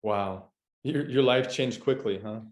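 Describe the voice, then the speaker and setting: A man hosts a casual interview, chatty and upbeat. His voice sits at an ordinary middle pitch, and he sometimes restarts a phrase as he goes. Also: a little slow. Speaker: host. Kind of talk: casual video-call interview.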